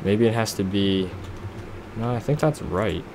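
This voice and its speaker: A young man offers animated, unhurried commentary on a block-building game, his voice on the low side. In typical let's-play fashion he rambles and pokes fun at himself while figuring things out, over a noisy background.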